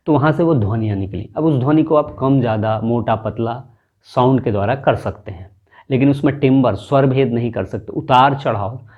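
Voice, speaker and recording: A man teaching a spoken lesson, explaining slowly and deliberately and stretching out example words. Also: mid-range voice, phone-quality sound.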